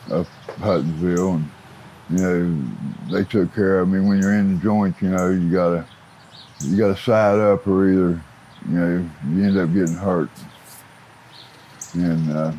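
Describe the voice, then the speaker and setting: A low-voiced Appalachian man in his fifties with a plain-spoken biker manner. He gives candid interview answers in rough, folksy grammar, with clear outdoor noise and birdsong around him. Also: dark tone, rough recording. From West Virginia. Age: 50s. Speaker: interview guest, former biker gang associate. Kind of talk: candid interview answers about own life.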